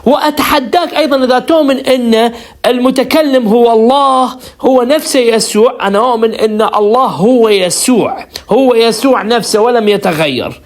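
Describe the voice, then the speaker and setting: A man's voice: very high-pitched, a little fast. A man, a caller in a heated religious debate, insisting on a chance to answer and explain.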